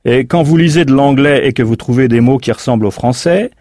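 A man's voice: mid-range voice, a little fast, a little mellow, dry recording, studio quality. A man teaching in a recorded language course, explaining patiently and spelling words out letter by letter. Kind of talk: recorded language lesson narration.

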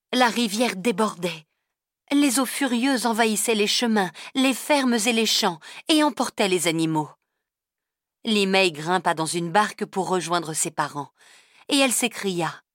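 A woman narrating a children's story in a calm, even storybook manner. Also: medium pitch, dry recording, clean studio sound.

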